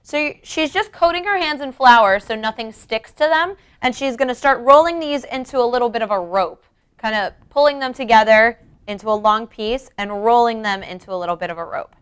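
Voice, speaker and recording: Explaining each step directly to the viewer, a young woman presents a conversational cooking lesson from a home-style kitchen indoors. She's a young adult show host whose smooth voice is fairly high-pitched and fairly quick.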